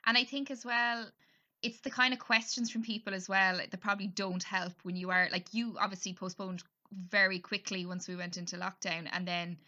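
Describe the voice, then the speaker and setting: A woman's voice: mid-range voice, flat delivery, moderate pace, pushed and bright, dull audio. A woman interviewing a guest in a casual, supportive way, with many short agreeing murmurs.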